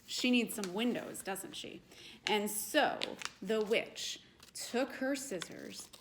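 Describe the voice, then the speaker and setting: Slow, gentle woman storyteller. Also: a little high, noisy background. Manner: gentle, asks children questions. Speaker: children's librarian. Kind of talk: storytime read-aloud.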